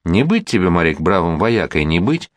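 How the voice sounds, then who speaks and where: A man narrating an audiobook in a wry, lively reading, raising his voice for the quoted dialogue. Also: deep voice, moderate pace, no room sound.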